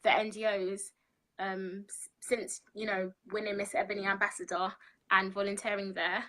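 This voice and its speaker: A bright-voiced young woman in her 20s from London answers interview questions on a video call from an indoor room. Her medium-pitched voice has little pitch movement, she speaks in a measured way with frequent ums, and the recording is rough.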